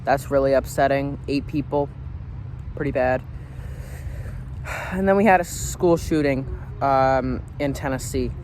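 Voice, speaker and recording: A man's voice: mid-range voice, measured pace, long pauses, a little mellow, slight background noise. An American man giving a casual opinion monologue as a vlogger, informal and repetitive, often saying "you know.". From United States.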